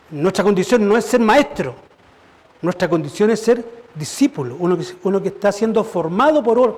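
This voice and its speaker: A man's voice: high voice, a little mellow. A man preaching as pastor, conversational and asking rhetorical questions. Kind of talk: sermon. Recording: church service.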